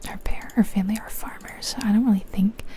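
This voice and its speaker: An ASMR channel host whispers softly and breathily, chatting casually about a game in a gentle, musing way. Her voice sits in the mid range, with a steady tone and a quick pace.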